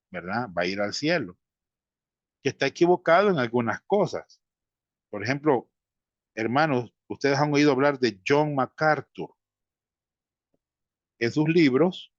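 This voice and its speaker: A man teaching a Bible study, taking his time over each phrase and turning often to his listeners as brothers. His voice sits at a middle pitch. The recording is dry and dull, with little room sound. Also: no room sound. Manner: slow, deliberate teaching, addressing listeners as brothers.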